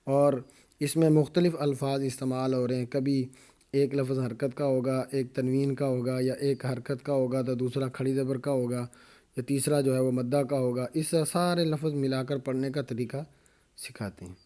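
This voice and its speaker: Man, Quran reading teacher, Pakistani Urdu accent, dark mellow tone, flat even delivery, spells syllables out slowly. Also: mid-range voice. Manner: spells each syllable slowly, then explains rules. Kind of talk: slow spelled-out reading drill.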